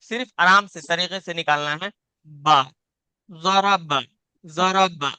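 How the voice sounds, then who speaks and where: Bright, clear-voiced male Quran teacher. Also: high-pitched, steady tone, measured pace, dry recording. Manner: patient, repeats points, demonstrates each sound aloud. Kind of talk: live online class, teaching letter sounds. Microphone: video call.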